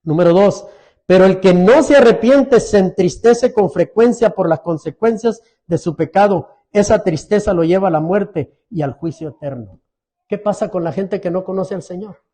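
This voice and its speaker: Male pastor, sermon, middle-aged, earnest, pleading, asks questions, high warm voice. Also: moderate pace.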